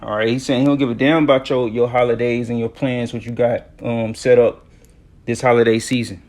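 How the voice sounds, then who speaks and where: An American religious commentator gives informal, slangy takes on news and scripture in a mid-range, fairly quick, darkish voice with little pitch movement. He keeps the tone conversational, constantly punctuating it with "all right" and "you know."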